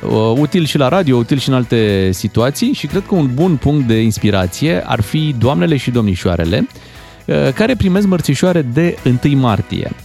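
A man hosting a radio morning show, chatty and animated, with plenty of fillers. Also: mid-range voice, gravelly, faint music behind. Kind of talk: lively radio banter.

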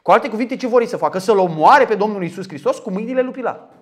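High-voiced emphatic preacher man. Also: expressive. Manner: emphatic, rhetorical questions, acts out quoted speakers. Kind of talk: sermon.

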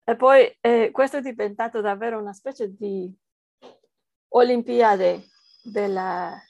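Foreign-accented lady getting interviewed in her second language, slow and halting, bit of fry in the voice. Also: mid-range voice, darkish tone, no room sound, highs cut off. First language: not Italian, speaks it as a foreign language. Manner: hesitant, searching for words in a non-native language. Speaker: interviewed researcher. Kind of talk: conversational interview answers.

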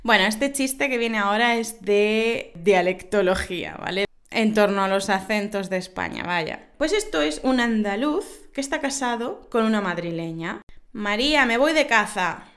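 A woman hosts a podcast lesson, reading out wordplay jokes and then explaining them. She giggles at her own jokes and jumps her pitch up to act out the characters in each joke. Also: expressive, normal speed, a bit bright. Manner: acts out joke voices with big pitch jumps. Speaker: Spanish teacher and podcast host.

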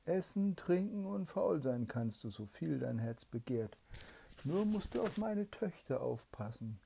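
A sly evil spirit from a bedtime fairy tale, coaxing in a thin, high, drawn-out voice, as a mother puts him on. The tone is dark and gravelly underneath, with a raspy, breathy edge. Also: sing-song, exaggerated voice.

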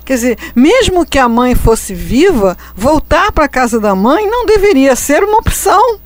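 Woman, slightly high voice, co-host in a relaxed spiritual talk, ironic, laughs at her own jokes. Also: moderate pace, no echo. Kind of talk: casual reflective conversation.

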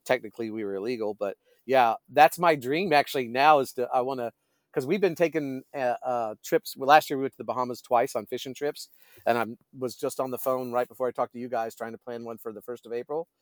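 A man's voice: mid-range voice, a little fast, dry recording, clean studio sound. A middle-aged man, a pastor and fishing guide, chatting as a podcast guest and often searching for his words. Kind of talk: casual conversational storytelling.

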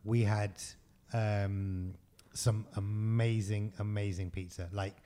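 A man's voice: lowish voice, flat delivery, takes it slowly, mellow. A man co-hosting a podcast in casual conversation, speaking informally and emphatically with laid-back slang. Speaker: podcast co-host. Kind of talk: casual chat.

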